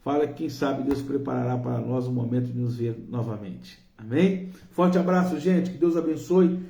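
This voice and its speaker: A Brazilian pastor leads a fervent, rhythmic prayer on a live stream, naming his flock one by one. His man's voice is deeply mellow and dark at a middle pitch. It rings with the echo of a bare room. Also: normal speed, vocal fry. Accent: Brazilian Portuguese. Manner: fervent, rhythmic intercessory prayer listing names.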